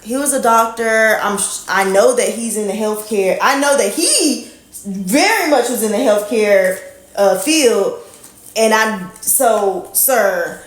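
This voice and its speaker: Animated, cursing woman venting in a roomy space. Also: fairly high pitch. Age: 30s. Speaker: livestream host. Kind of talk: casual storytelling on a live stream. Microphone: phone.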